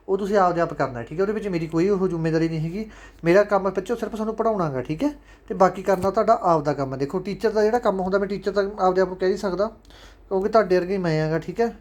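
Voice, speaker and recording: Punjabi guy teaching exam prep online, talks fast, keeps saying okay and repeating stuff. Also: high-pitched, a little mellow. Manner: chatty and fatherly, calls students "sons"; repeats key points with frequent "okay". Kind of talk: casual online lecture.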